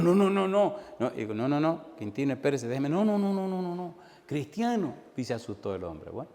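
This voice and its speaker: A man pastor preaching a sermon, animatedly acting out the voices in his stories. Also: fairly low pitch. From Caribbean Spanish-speaking country. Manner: animated storyteller acting out dialogue. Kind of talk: sermon with storytelling. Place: church hall. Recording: long hall reverb, faint noise.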